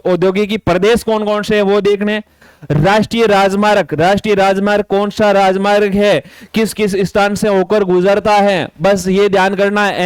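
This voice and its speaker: Exam tutor, male, high clear voice, lists topics and repeats instructions. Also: no echo. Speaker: exam coaching teacher. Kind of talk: syllabus walkthrough lecture.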